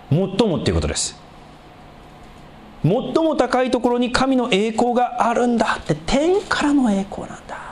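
A pastor delivers a sermon with real animation, repeating words for emphasis and moving from low asides to high, exclaimed passages of scripture.

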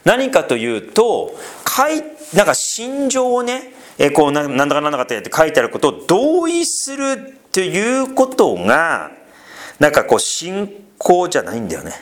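A man preaching a sermon as pastor, conversational and animated, with frequent fillers and asides to the congregation. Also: on the high side, moderate pace.

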